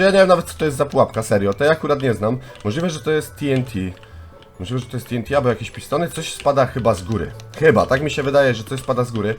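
A man in his twenties, a gaming YouTuber, giving chatty, excitable live commentary on a contest and talking straight to his viewers. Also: mid-range voice. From Poland. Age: 20s.

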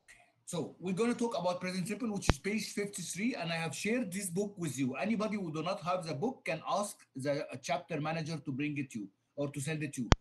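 An Egyptian English teacher, a native Arabic speaker with an Egyptian Arabic accent, gives an online English lecture over a video call, explaining each point, then repeating it in Arabic with many fillers. His voice sits high and races along, over heavy background noise.

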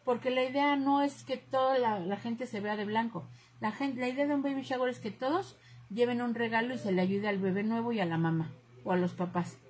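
A woman's voice: fairly high pitch, brisk, darkish tone, a little hiss or hum, low-quality recording. A middle-aged woman with a Mexican Spanish accent, chatting openly to her viewers, outspoken, often calling them "chicas". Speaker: crafts channel host. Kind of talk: casual chat to viewers.

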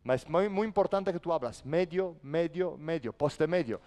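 A man's voice: a little high, lively intonation, normal speed, dark tone, slight background noise. A man coaching a basketball practice in a large indoor gym, barking short commands and then explaining patiently. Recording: echoey gym reverb.

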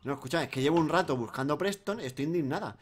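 A man's voice: fairly high pitch, fast, slightly rough. A man from Spain with an Aragonese accent, hosting a casual gaming chat, joking and swearing. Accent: Aragonese Spanish. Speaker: host.

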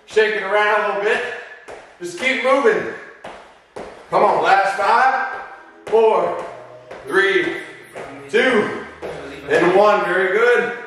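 Male fitness coach, high bright voice, unhurried counts and rallying pep-talk commands, exercising as he speaks, distant in an echoey room. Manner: rallying pep-talk cheerleading, short urging commands with whoops; exerting himself while talking. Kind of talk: live workout instruction with counting. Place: basement home gym. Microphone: camera several metres away. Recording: very echoey room, far from mic.

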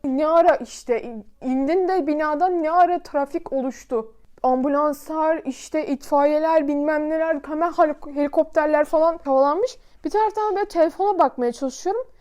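Woman vlogger, high and mellow, emotional storyteller to camera. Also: moderate pace. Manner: emotional, vivid retelling.

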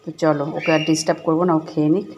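A woman's voice: low voice, level tone, racing, highs cut off. A middle-aged woman chatting casually to her viewers in a home vlog, filmed on a phone. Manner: chatty, talks to viewers and coaxes a pet. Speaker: vlogger. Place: home, indoors. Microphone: phone camera. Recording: echoey room with loud background noise.

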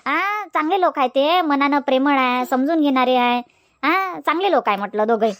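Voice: high-pitched, expressive, normal speed, fairly bright tone, no room sound, studio quality. A voice actor playing a village man who consoles the family, soothing and repetitive. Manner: soothing, repeats himself with "mhatla".

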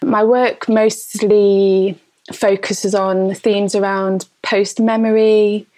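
A woman, a photographer and educator answering interview questions in a slow, thoughtful way. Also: medium pitch, little pitch movement, dark tone. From East Midlands of England.

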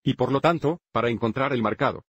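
A man narrating a dubbed math lesson, explaining each step in a steady, methodical way. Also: medium pitch, quick pace, husky. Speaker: math teacher.

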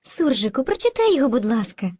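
Kids' cartoon: a patient female language spirit, voiced by a woman, high and soft, dry studio sound. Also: very animated, fast talker, dry recording. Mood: gentle. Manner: gentle, coaxing, calls children endearments. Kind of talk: educational cartoon video.

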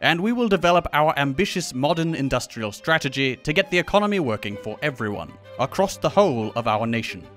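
A man's voice: on the high side, animated, brisk, hardly any pauses, fairly bright tone, faint music behind. A man putting on a mock British accent to read out a pompous conservative politician's manifesto. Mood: pompous earnest.

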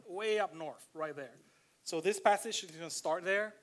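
Speaking from a church, a pastor with a Malaysian accent preaches in an easygoing, conversational style and reads scripture aloud. He leans on lots of fillers and slows whenever a point needs to sink in, his voice pitched somewhat high for a man.

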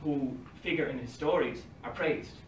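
Reading his academic talk from notes at a lectern, a young conference speaker with a medium-pitched voice talks at normal speed and drops dry asides punctuated by brief laughs. The audio, captured by a phone camera across a library meeting room, is distant and roomy with a faint hiss and livestream-level quality.

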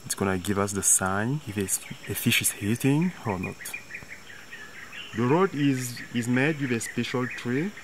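Insects and jungle noise ring out clearly as a young local companion gives an informal fishing demonstration on a riverbank. His voice sits at medium pitch, and he hunts for words in his non-native English while explaining.

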